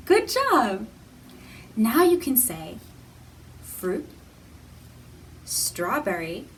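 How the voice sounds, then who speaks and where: Recorded on a distant mic in a noisy library room, this woman's fairly high, slightly bright voice guides young children through storytime. She teaches and reads a picture book aloud, relying on simple, repetitive, encouraging phrases.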